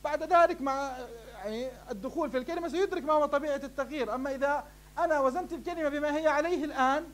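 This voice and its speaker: Very high-voiced fast-talking sheikh. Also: male voice, a little hiss or hum. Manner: poses questions to students and answers them himself; addresses the class warmly as "beloved ones". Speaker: sheikh teaching Arabic morphology. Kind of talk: classroom lecture.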